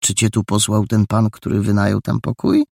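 A man voicing a mysterious, cunning stranger who questions a boy in a gentle, coaxing way. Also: on the low side, little pitch movement, moderate pace, vocal fry, no room sound, studio quality. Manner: gentle, coaxing, then sharp. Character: mysterious grown man, soft-spoken, cunning interrogator.

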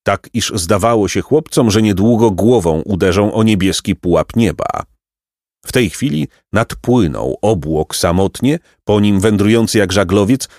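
A man narrating a children's storybook in an expressive, lyrical reading. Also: lowish voice, dry recording, studio quality. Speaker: audiobook narrator.

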